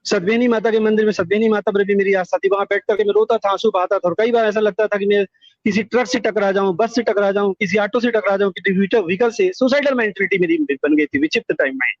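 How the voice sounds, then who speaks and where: A middle-aged man with a high voice talks fast on a phone call, earnestly telling his life story as a call-in guest and repeating words for emphasis in a wordy way. The recording is dry, dull and lo-fi.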